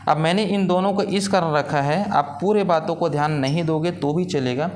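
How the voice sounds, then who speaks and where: A man gives a classroom-style English grammar lesson, posing questions to his students and then answering them himself. His voice is a little high with a darkish tone at a moderate pace, and there's a slight hiss or hum.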